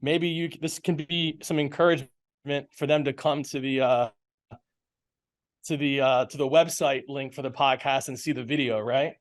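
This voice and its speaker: A medium-pitched man who runs an agency is interviewed casually for a podcast via video call. Earnest and animated, he laughs quickly and often.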